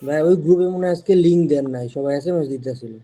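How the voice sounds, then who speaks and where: Assistant guy, talks super fast, polite, slightly high voice. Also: mellow. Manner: quick, polite, reporting a problem. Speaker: class assistant. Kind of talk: casual chat.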